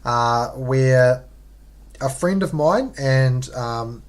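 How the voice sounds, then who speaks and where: A man's voice: mid-range voice, animated, extremely slow. A man with a New Zealand accent giving casual, slangy commentary on a live game as he chats to viewers. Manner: laid-back, slangy, chatting to viewers. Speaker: chess streamer.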